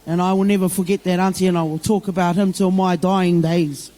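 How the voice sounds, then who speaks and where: Speaking a little fast in a lowish, dark voice with fairly even intonation, a middle-aged New Zealand woman with a broad accent addresses a community gathering informally and without preparation. She's motherly and plain-spoken, using endearments and blending English with Māori phrases.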